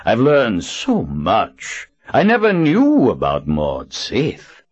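A male narrator voicing a menacing possessed man in an audiobook, deep and gravelly, slow and taunting. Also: huge pitch swings, dry recording, lo-fi sound, heavily acted. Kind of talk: audiobook character voice.

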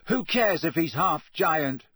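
Harry is a man putting on a teenage schoolboy, a little lifted from the reader's own voice, blunt and quick to anger. The reading is close and dry. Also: on the high side, big pitch swings, fairly bright tone, husky, no echo, voice pushed up, full character voice. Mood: furious. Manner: blunt, angry. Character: teenage schoolboy hero, blunt and hot-tempered.

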